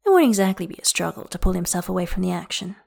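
A woman narrating a work of fiction aloud in a measured, even reading voice. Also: on the low side, gravelly.

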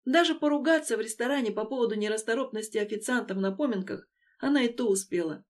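Brief: a female audiobook reader, a bit higher-pitched than most, with measured, emotive storytelling. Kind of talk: scripted audiobook narration.

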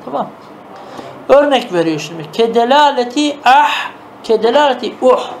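A man teaching a traditional madrasa-style lesson. He reads classical Arabic phrases, then explains them patiently with quick rhetorical questions and often checks that his students follow. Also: very high voice, expressive, a little hiss or hum.

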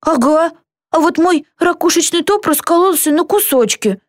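Cocky little seahorse guy, high and boastful, put on by a woman reader, dry. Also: steady tone, measured pace, no echo.

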